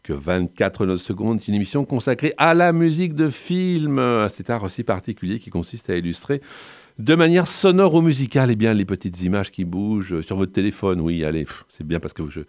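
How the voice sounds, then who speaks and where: A man's voice: on the low side, animated, brisk, a little mellow, no echo, studio quality. A man hosting a film music radio show in French, chatty and self-mocking, with scripted presentation broken by asides. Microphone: studio microphone.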